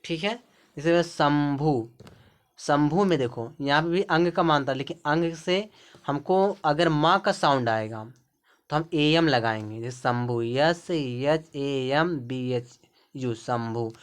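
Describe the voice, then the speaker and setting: A man's voice: a little high, a little slow. A man teaching a spelling lesson, patiently spelling out words letter by letter. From India. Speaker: English teacher.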